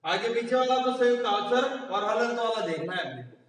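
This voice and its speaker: A man's voice: very high-pitched, lively intonation, fairly quick, fairly bright tone. A man teaching a grammar lesson, explaining step by step and quizzing his listeners with questions. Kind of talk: classroom lecture. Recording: echoey room, far from mic.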